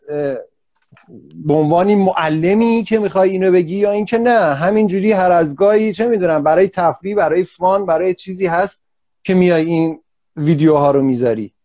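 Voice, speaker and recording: A man's voice: high-pitched, warm tone, no echo. A man hosting an interview who asks long, rambling questions in a casual way. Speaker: interview host. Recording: dull lo-fi dry sound.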